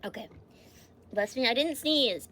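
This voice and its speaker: A woman's voice: fairly high pitch, lively intonation, unhurried, bright, forceful tone. A woman streamer in casual livestream chat, giggling as she reads facts aloud and answers her chat. She sounds a little stuffy from allergies.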